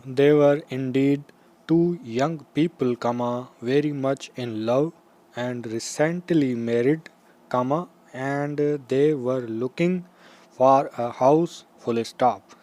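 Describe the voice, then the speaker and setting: A man reading a slow school dictation aloud, in measured, deliberate short phrases with pauses. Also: mid-range voice, dark tone. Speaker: dictation reader. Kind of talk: slow school dictation, read aloud with punctuation marks spoken.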